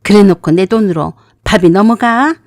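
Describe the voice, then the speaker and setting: A woman's voice: mid-range voice, animated, a little slow, warm tone, dry recording, studio quality. A woman voicing a drunken, abusive middle-aged husband who scolds and barks questions. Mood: nagging.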